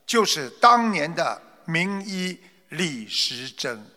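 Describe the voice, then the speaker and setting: A man telling a moral folk tale and then lecturing on its lesson, in an expressive, dramatic way. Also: a little high, slow, in a large hall. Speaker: storyteller. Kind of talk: moral storytelling with commentary.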